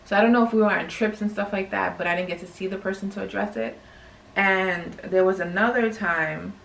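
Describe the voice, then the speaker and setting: A young woman from New York, a teacher, telling a casual story to camera in a chatty, animated way with lots of "like". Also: fairly low pitch, gravelly, echoey room, distant mic, slight background noise, rough recording. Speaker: vlogger and teacher.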